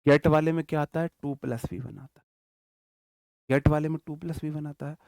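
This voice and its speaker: Man teaching grammar, slow dictation. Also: fairly high pitch, steady tone, gravelly, dark tone, dry recording, clean studio sound. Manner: slowly dictates example sentences word by word; checks in often with the class. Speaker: English teacher. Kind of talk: online grammar lesson.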